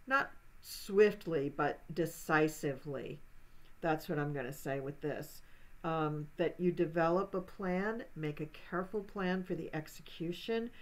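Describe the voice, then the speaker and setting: An older woman reading tarot and oracle cards, calmly giving steady, reassuring guidance. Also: low voice, low-quality recording. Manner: calm, steady, reassuring guidance with small restarts. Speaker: tarot card reader. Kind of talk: pick-a-card reading.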